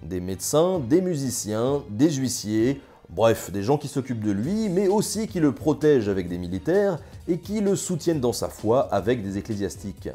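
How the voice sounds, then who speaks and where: A man narrating history with an ironic, joking, colloquial touch. His pitch swings widely while the tone stays mellow and slightly husky. Faint music plays underneath. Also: very animated, moderate pace. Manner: ironic, jokey, colloquial storytelling. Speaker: history video presenter. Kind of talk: scripted casual narration.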